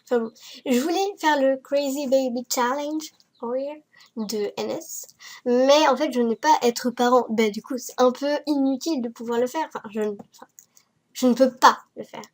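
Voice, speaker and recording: A woman with a cold, hoarse and nasal, rambling hesitantly and self-mockingly through a casual gameplay voice-over. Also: sits high, moderate pace, darkish tone. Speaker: Sims building YouTuber.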